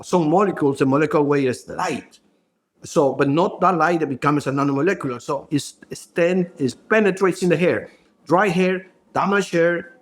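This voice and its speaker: Halting man. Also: a little high. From Ecuador. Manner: halting, searching for words. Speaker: brand co-founder and hairstylist. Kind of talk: podcast interview.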